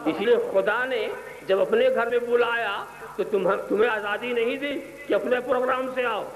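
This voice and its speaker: A man preaching a sermon, telling humorous anecdotes and building to impassioned, shouted exhortations. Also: very high voice, fairly even intonation, echoey room, a crowd in the background, rough recording. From Gujarat, India. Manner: storytelling, rising to impassioned shouts.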